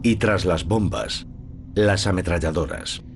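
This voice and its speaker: Serious male documentary narrator, fairly low. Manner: measured, serious storytelling. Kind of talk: scripted narration. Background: background music.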